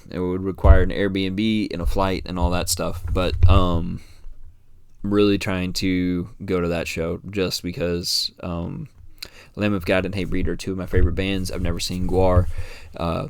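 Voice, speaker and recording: A man from the United States talks on his own podcast in a low, relaxed voice. He wanders from thought to thought and fills the gaps with ums and likes. The recording is dry, with no room sound. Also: clean tone, no echo. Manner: rambling, relaxed, many fillers and restarts. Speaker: podcast host. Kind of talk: casual solo podcast chat.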